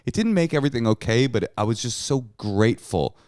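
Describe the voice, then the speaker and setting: A man's voice: medium pitch, lively intonation, a little fast, darkish tone, smooth, dry recording, clean studio sound. A man co-hosting a podcast, telling stories casually with wry comedy and acted-out quotes. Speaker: podcast co-host. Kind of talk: casual comedic storytelling and banter.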